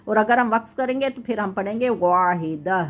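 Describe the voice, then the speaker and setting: A woman teaching tajweed, correcting a student's recitation and explaining each rule step by step, often checking in with a quick "okay". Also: on the high side, steady tone. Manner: recites verses slowly and drawn out.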